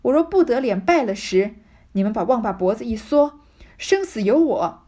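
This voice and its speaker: A woman's voice: on the high side, sing-song, unhurried, mellow, slightly rough, full character voice. A woman voicing a proud, defiant young maidservant who scolds and curses sharply at her sister-in-law. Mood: furious.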